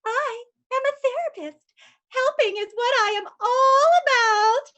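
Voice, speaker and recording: A woman's voice: extremely high pitch, a little slow, pushed and bright, exaggerated voice. A woman playing Glinda, a gushing, scatterbrained woman therapist, in a livestream script reading. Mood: flustered bubbly. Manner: bubbly, theatrical, giggly.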